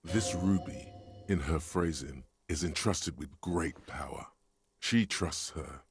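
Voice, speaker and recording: The commanding inner voice of a detective's mind in a video game. His voice is extraordinarily deep and authoritative. He narrates insistently, pushing the listener to act. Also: takes it slowly, faint music behind.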